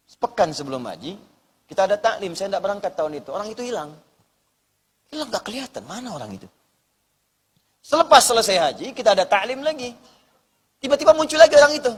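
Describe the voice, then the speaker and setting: Male preacher, high voice, emphatic repetition, reverberant hall. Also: big pitch swings, fast talker, pauses often, slightly rough. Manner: repeats words for emphasis, tells stories with quoted dialogue. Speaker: Islamic preacher. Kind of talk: sermon on preparing for hajj.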